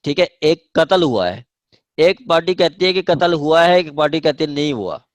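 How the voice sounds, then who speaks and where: In this online law lecture delivered via screen share, a Pakistani-accented man defines legal terms, restating key ideas and asking whether students follow. He sounds a little high and expressive, talks at a moderate pace, and the audio has no echo.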